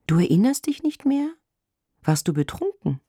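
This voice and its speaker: A man's voice: high voice, expressive, measured pace, warm tone, no echo, studio quality, pitched above the performer's own voice, exaggerated voice. A male reader voicing a woman caller at night, longing and insistent, in a storybook reading. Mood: incredulous.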